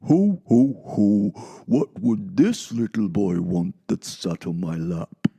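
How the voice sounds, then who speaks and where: Man putting on a deep, husky, leering Santa Claus. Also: animated, slow, mellow, exaggerated voice. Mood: creepy jolly. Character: leering shopping-mall Santa, jolly and creepy old man.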